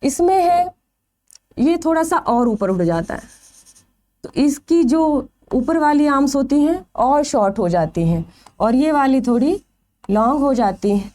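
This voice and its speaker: Woman, biology teacher, lively high voice with a mellow tone, quizzes the class and answers herself. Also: unhurried. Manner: asks questions then answers them herself, stretching key terms. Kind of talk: exam-prep lecture.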